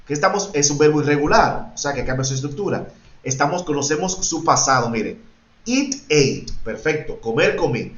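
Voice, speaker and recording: A male English teacher explaining grammar to his students, switching between Spanish explanations and English examples and repeating points for emphasis. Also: mid-range voice. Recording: echoey, dull lo-fi room recording.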